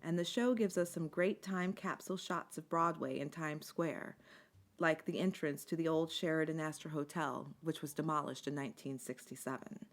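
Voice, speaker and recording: A woman giving scripted documentary narration in a measured, articulate storytelling manner. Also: low-pitched. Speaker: video essay narrator. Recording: music bed under the voice. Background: instrumental music.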